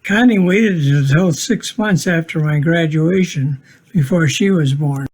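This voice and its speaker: An elderly man in his eighties from Minnesota narrates a family home video. He talks slowly and plainly, with a dry wit, and his voice sits a touch high for a man. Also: darkish tone. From Minnesota, USA. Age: 80s. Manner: plainspoken, matter-of-fact with dry humor.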